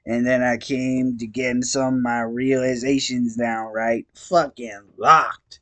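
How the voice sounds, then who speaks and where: A man voicing a crude, repentant male clown troll who rants slowly and swears through his tears. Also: mid-range voice, little pitch movement, a bit bright, no echo, natural voice. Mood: tearful ranting. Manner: slow drawling rant full of swearing.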